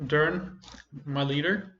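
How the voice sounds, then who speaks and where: A sneering hobgoblin captive in a tabletop fantasy game, played by a man. He talks bluntly and somewhat high, in a roomy, slightly muffled recording. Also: slow pace, slight background noise. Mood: sneering, defiant.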